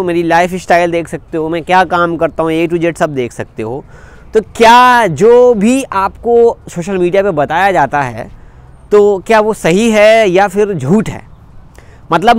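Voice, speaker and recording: A man's voice: high voice, smooth. A young man from India talking straight to camera in a vlog, giving earnest, repetitive advice to his viewers. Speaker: vlogger. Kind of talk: direct-to-camera vlog talk.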